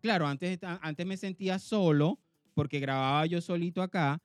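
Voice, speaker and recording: A man's voice: fairly high pitch, normal speed, no echo, faint music behind. A man, co-hosting a podcast in casual chat and acting out the voices he quotes. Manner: animated, acts out quoted voices. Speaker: podcast co-host.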